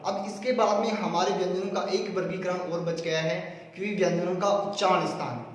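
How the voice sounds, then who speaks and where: A man's voice: high-pitched, moderate pace. A man teaching a classroom grammar lesson, methodical, repeating terms and sounding out examples aloud. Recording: echoey hall, recorded from far off.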